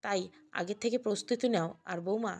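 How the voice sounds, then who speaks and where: A woman voicing a firm older father-in-law in an audio story, speaking calmly and with authority. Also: fast, natural voice. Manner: firm, lowered, calm.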